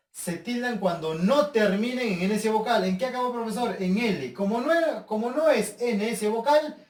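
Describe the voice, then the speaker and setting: A male teacher giving a recorded lesson at a whiteboard. He explains step by step, repeats key points and asks rhetorical questions. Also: high-pitched. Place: room with a whiteboard. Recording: echoey room, distant mic.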